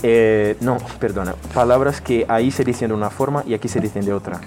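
A man's voice: medium pitch, fairly quick, a little mellow. Playful male radio host, faint music. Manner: playful, joking, repeats words back. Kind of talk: casual chat interview.

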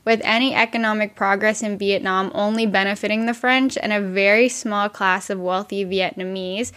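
A woman's voice: medium pitch, steady tone, normal speed, fairly bright tone. A woman co-hosting a podcast, explaining history in an informal, explanatory way. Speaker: podcast co-host.

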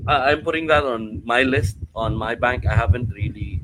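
A man chats casually as a podcast co-host, teasing and joking with an average-pitched voice. The recording has clear background noise with clicks. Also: normal speed. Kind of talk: casual chat.

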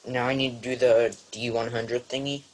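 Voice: mid-range voice, little pitch movement, normal speed, low-quality recording. A player in a tabletop role-playing game chatting casually in a joking, wisecracking way. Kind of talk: casual chat.

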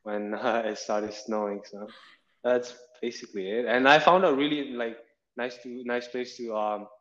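A man of twenty-one from Nepal talks as a podcast guest in an easygoing, meandering way, circling back on himself. His voice sits at an ordinary male pitch. It reaches us over a muffled, lo-fi remote line. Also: fairly even intonation, normal speed, a bit bright. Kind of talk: casual interview chat.

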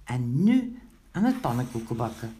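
A woman voicing a tiny excitable little elf man in a children's storybook, eager and exclaiming. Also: a bass voice, normal speed, voice pushed down. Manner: eager, exclaiming, bossy in a pinch.

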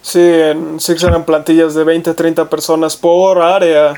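A man's voice: a little high, flat delivery, warm tone, slight background noise. A young man with a Mexican accent, chatting casually with slang and frequent swearing. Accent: Mexican Spanish. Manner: slangy, swears freely, rapid bursts. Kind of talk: casual chat.

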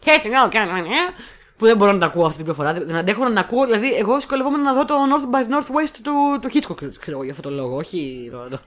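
A woman co-hosting a casual podcast, chatting about films in an animated, sarcastic way and acting out lines she quotes. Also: medium pitch, hardly any pauses. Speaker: podcast co-host. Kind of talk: casual chat reviewing films.

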